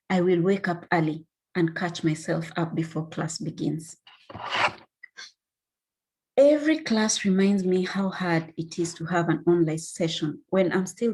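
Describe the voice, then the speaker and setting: A woman from Kenya with a Kenyan accent, reading a personal narrative as a conference panelist in a measured, deliberate way. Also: fairly low pitch, darkish tone.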